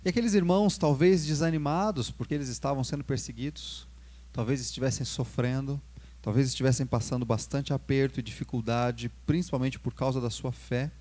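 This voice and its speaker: This time the young adult Brazilian pastor, Brazilian Portuguese accent intact, delivers his sermon at a brisk pace with a warm tone. Key words get a lift, and his phrases close on a low drop.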